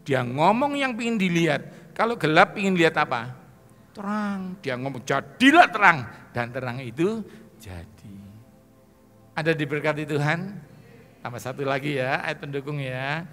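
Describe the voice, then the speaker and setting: Middle-aged Javanese-accented evangelist, bright voice, animated storytelling sermon in a reverberant hall. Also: male voice, fairly high pitch, normal speed. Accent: Javanese Indonesian. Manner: lively storytelling preacher, swings from soft asides to loud proclaiming. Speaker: evangelist preacher. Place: church hall. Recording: long reverb of a large hall.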